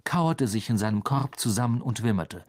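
A man narrates an audiobook from a script, telling the story expressively. His voice sits at medium pitch and moves at normal speed.

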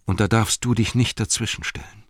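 A man's voice: a bass voice, sing-song, slow pace, vocal fry, a bit bright, breathy edge, no room sound, clean studio sound, full character voice. A man voicing a tormented young male hobbit in an audiobook, strained and torn between frenzy and regret. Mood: remorseful. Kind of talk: audiobook character voice.

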